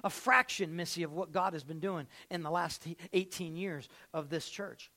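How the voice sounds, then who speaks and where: Man, pastor, sermon, high voice, emphatic, repeats phrases, joking asides, church. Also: normal speed, sharp tone. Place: church sanctuary.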